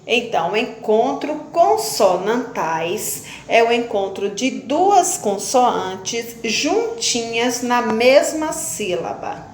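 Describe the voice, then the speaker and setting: A woman teaching a phonics lesson in a fairly high voice, unhurried and patient as she breaks words into syllables. She asks questions and answers them herself. The sound is roomy and echoey, with a faint hum of noise behind her. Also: darkish tone. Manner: slow, stretches out syllables when splitting words. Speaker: primary school teacher.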